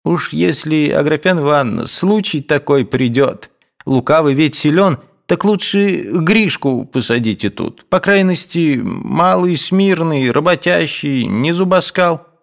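A whining, imploring manservant pleads in a high, strained voice that swoops wildly up and down, as a man puts him on. He sounds lovesick and anxious, in a storybook reading. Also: expressive, a little slow, vocal fry. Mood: timid.

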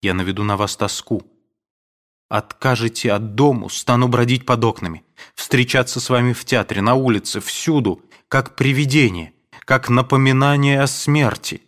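A man reading a novel aloud, voicing a lovesick young man who pleads earnestly and then turns quiet and grim. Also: mid-range voice, normal speed, pitched above the performer's own voice, close to an everyday voice. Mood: pleading. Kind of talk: audiobook reading.

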